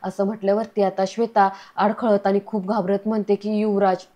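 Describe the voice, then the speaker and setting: A woman giving a casual, chatty recap of a television serial and addressing her listeners as friends. Her voice is mellow and dark, and her pitch stays flat. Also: fairly quick.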